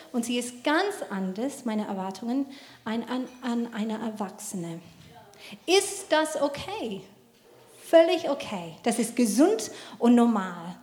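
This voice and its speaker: A woman telling a parenting story in a casual faith talk, lively and laughing often, her German grammar slightly broken. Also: a little high. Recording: roomy echo.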